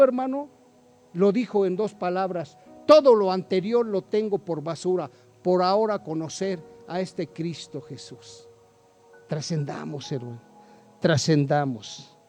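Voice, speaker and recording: Pastor with a high voice preaching a sermon, reading scripture, questioning the congregation, faint music underneath. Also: male voice, a little mellow. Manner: preaching with Bible readings and direct questions to the listener.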